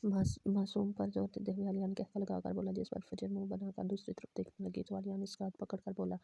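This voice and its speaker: A woman reads a romance novel aloud in a very flat, monotone voice. Her tone is dark and gravelly, and she stumbles and restarts words often. The recording is close and dry. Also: mid-range voice, fast, no echo, muffled recording. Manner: monotone reading with frequent restarts. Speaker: narrator. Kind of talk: scripted narration of a romance novel.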